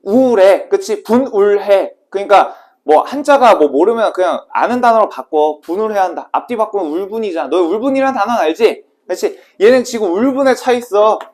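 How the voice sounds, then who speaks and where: A man with a fairly high voice teaches literature in a brisk, chatty way. He keeps firing questions at the class and answers them himself before moving on. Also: animated, a little mellow. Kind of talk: exam prep lecture.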